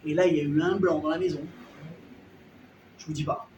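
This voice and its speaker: Man preacher with a high voice, lively storyteller playing each character; roomy, off-mic sound. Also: fairly quick, lo-fi sound, a little hiss or hum. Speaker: rabbi. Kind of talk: storytelling sermon. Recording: echoey room, voice a bit far from the mic.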